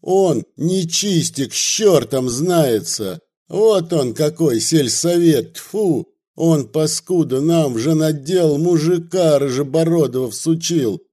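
A man putting on shrill jeering village women. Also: lively intonation, a little slow, hardly any pauses, warm tone. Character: two tipsy loud village women, mocking and spiteful.

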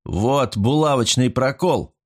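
A man's voice: mid-range voice, takes it slowly, voice pushed up. A man voicing an indignant young lord who exclaims and threatens a cheat.

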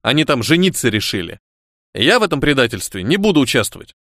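Sulky young man, voiced by the narrator, grumbly and defiant, animated delivery. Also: mid-range voice, fast, no echo, studio quality.

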